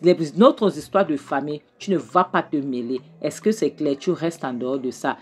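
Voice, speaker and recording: A woman giving a casual spoken recap of a film, animated and often tagging "hein?" onto her lines. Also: low-pitched, normal speed, husky. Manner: animated, keeps adding "hein?" and re-enacts dialogue.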